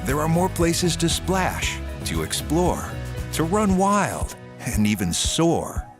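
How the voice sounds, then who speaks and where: A man announces a scripted radio ad. His pitch swings widely, and his delivery is upbeat and rising. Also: very animated, slow, over music. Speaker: ad voice-over announcer.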